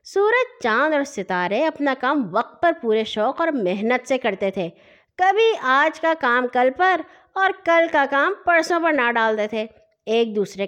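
Female children's storyteller, high voice, animated and expressive.

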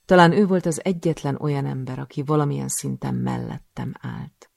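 Gravelly male audiobook narrator. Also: medium pitch, a little mellow, dry recording, clean studio sound. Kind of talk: first-person audiobook narration.

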